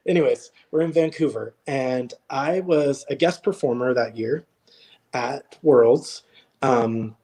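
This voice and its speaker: Earnest man pausing to reflect. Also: medium pitch, dark tone. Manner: earnest, reflective, many hesitations. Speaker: guest. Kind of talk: casual chat. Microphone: video call.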